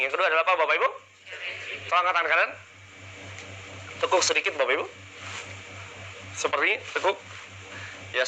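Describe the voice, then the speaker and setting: A man's voice: on the high side, bright, forceful tone, a little hiss or hum, rough recording. A man leading a live public speaking seminar, energetically drilling the audience with call-and-response questions into a handheld mic. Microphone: handheld microphone.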